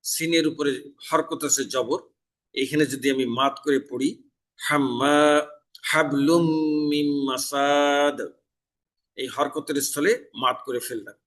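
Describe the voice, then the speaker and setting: Quran teacher explaining recitation rules. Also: male voice, mid-range voice, fairly even intonation, a bit bright. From Bangladesh. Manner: explains each error, then recites the verse slowly and drawn out. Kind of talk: tajweed lesson with recited examples. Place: mosque in Dhaka.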